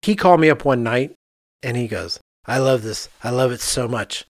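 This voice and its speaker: An architect who hosts a podcast chats casually, telling animated anecdotes in which he quotes other people. His mid-range voice moves at a moderate pace, and the sound is clean studio audio with no echo.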